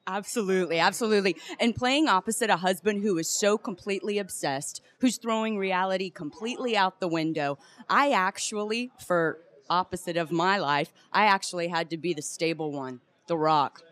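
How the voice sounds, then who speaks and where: A woman's voice: on the low side, normal speed, few pauses, a bit bright. A woman being interviewed as an actress on a premiere red carpet, talking in a gushing, emphatic way.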